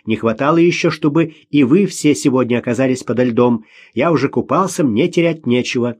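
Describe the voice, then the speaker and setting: A man's voice: medium pitch, a little fast, natural voice. A man voicing a brave man who gives firm commands and keeps up a dry, cheerful humor in danger. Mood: commanding.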